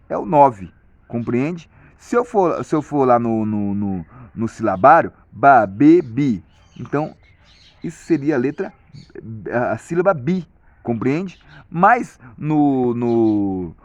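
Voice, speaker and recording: A man teaching in a casual video lesson, talking slowly through an idea with many restarts and frequent check-ins with the viewer. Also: mid-range voice, dry recording, highs cut off. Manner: hesitant, many restarts and repeated "compreende?". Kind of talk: casual explanatory tutorial.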